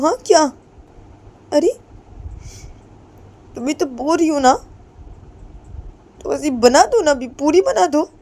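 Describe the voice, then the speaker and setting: A woman voicing a hurt, bitter young woman who pleads and taunts with shrill, insistent questions. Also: darkish tone, close to an everyday voice.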